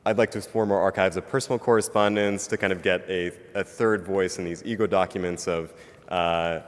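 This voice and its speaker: A man giving an academic conference presentation, hedging often with fillers like "um" and "kind of". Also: low-pitched. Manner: hedging, filler-heavy delivery. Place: university lecture hall. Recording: lecture hall reverb.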